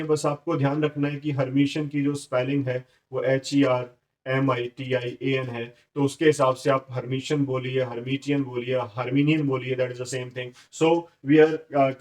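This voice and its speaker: Slow, deliberate male math lecturer. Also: mid-range voice, darkish tone, poor audio. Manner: explains step by step, asking and answering his own questions; switches to slow, deliberate dictation when reading out matrix entries. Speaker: math teacher. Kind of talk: blackboard lecture.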